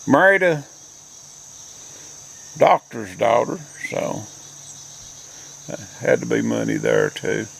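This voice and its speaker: Sitting out on a rural porch, this older Appalachian host, a grandparent from the southern US mountains, muses aloud in plain, folksy mountain talk. His medium-pitched voice is expressive and slow, with vocal fry and long pauses. Insects and other outdoor sounds can be heard behind him.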